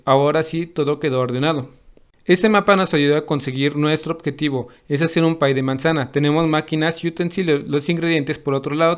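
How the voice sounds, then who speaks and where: A man reading a lesson summary aloud, steady and explanatory. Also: a little high, lo-fi sound.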